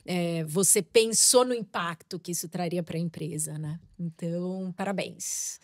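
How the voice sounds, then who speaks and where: A woman's voice: fairly low pitch, a little slow, no room sound. Woman podcast host, encouraging and thoughtful, dry studio sound. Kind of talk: casual interview chat.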